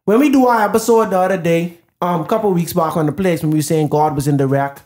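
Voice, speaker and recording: A man's voice: a little high, fast talker. Casual man saying bro in an echoey room. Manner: casual and animated, says "bro" constantly. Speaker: podcast co-host. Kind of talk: casual Bible discussion podcast.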